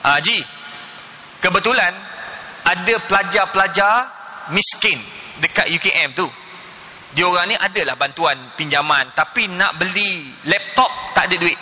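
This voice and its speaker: A man's voice: high voice, normal speed, pushed and bright. A man, a religious teacher telling a dramatic cautionary story in a sermon, full of exclamations. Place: mosque hall. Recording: reverberant hall.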